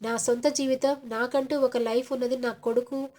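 A woman's voice: a little high, fairly even intonation, normal speed, mellow, close to an everyday voice. A woman voicing a wounded, proud middle-aged father who speaks reproachfully and raises his voice in defiance. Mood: defiant.

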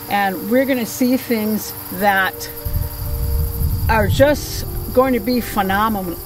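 A middle-aged woman from Red Lake Nation speaks with fervent emphasis, bearing witness to her faith. She is recorded outdoors and sits back from the mic. Music plays clearly under her voice. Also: medium pitch, far from the mic, poor audio. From Red Lake Nation, Minnesota. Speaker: pastor's widow. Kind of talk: testimony interview. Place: outdoors by a new church.

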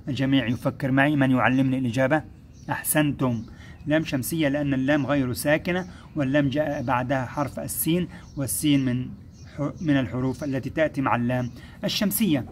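A man's voice: medium pitch, slight background noise. Patient man teaching young pupils. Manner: patient, explains step by step, slows to sound out syllables; addresses pupils as "my sons", praises them. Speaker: first-grade Arabic teacher. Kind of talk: recorded classroom lesson.

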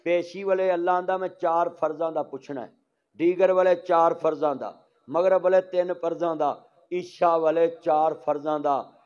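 A man's voice: fairly high pitch, fairly even intonation, moderate pace, a little mellow. A man with a Punjabi accent preaching a sermon, telling stories and voicing their dialogue, calling on the crowd to answer aloud. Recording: dull lo-fi recording.

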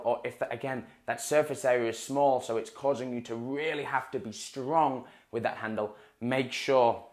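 A young man giving a casual instructional talk to camera, explaining equipment and repeating words for emphasis, recorded on a lapel mic in a small indoor room. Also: mid-range voice. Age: young adult. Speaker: water-ski coach. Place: small indoor room in front of a dark wall. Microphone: clip-on lapel mic.

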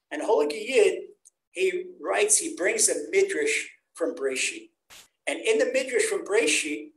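An older man, a rabbi, teaching a weekly Torah class over a video call in an earnest, animated preaching way. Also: a little high, a little hiss or hum. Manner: earnest, animated preaching, acting out quoted voices. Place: home room on video call. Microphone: webcam on a video call. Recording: roomy echo on a video call.

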